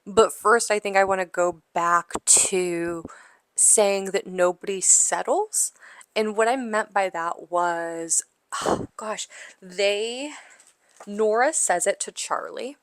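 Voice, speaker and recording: Woman, book vlogger, gushing, mid-pitched, dry close sound. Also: slow, dry recording. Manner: gushing, enthusiastic. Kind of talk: casual review vlog.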